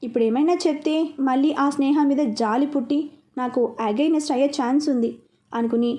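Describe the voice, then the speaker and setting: A woman's voice: high voice, fairly even intonation, a little fast, warm tone, natural voice. A woman reading the part of an older, scheming father who stammers and fumbles his excuses in a storybook narration. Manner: hesitant, fumbling.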